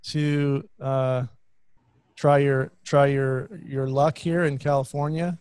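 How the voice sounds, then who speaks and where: Slow and level, this podcast host's medium-pitched voice sounds darkish, clear and resonant in a dry recording. Interviewing casually, he rambles around his questions, full of fillers and false starts.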